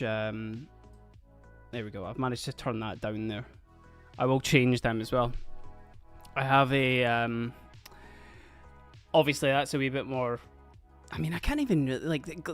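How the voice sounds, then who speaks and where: With faint music behind him, a male streamer from Dundee, Scotland, chats and rambles on his livestream in a Scottish accent. He laughs a lot and keeps busy with other tasks while speaking. His voice is mid-range and a bit bright.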